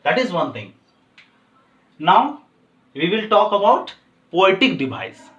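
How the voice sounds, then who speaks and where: Man, teacher, poem lesson, very slow drawn-out delivery, roomy distant recording. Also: high-pitched, very animated, pushed and bright, dull audio. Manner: switches between slow, drawn-out English and quick Hindi explanation. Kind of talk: explaining a poem to a class. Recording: roomy, from off the mic.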